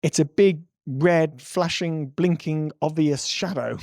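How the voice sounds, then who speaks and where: A man with a slightly higher voice talks through his coaching views in an earnest, rambling way. He laughs between points. The sound is dry and close. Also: slow pace, darkish tone, no echo. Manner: earnest, ranting, breaks into laughs. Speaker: tic coach. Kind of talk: casual monologue commentary.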